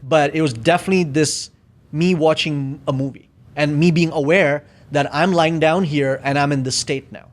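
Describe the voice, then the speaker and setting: Reflective man, slightly high voice. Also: steady tone, normal speed. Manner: reflective, searching for words, many fillers. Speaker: podcast guest. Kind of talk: casual conversation.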